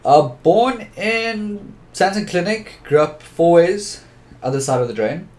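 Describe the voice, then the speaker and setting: A man's voice: sits high, lively intonation, slow pace, a little mellow. A man in his twenties from Johannesburg, a photographer being interviewed, introverted and brief in his answers. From Johannesburg, South Africa. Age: 20s. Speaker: guest photographer. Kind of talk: podcast interview.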